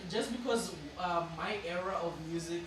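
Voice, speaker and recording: A man in casual chat, laid-back and quick to laugh. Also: high-pitched, recorded from a distance. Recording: echoey room, off-mic, music behind.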